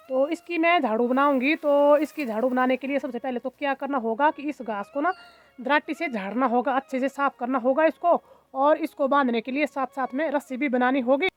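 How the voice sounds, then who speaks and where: A woman vlogger with a Mandyali-tinged Hindi accent, chatting casually outdoors at her hillside village farm, full of fillers. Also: high-pitched. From Himachal Pradesh, India. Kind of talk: casual vlog narration.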